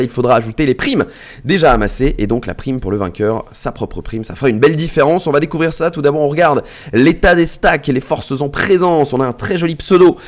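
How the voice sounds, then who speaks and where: A man hosting a poker replay show, commenting hands in a lively, chatty way and addressing viewers directly. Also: fairly high pitch.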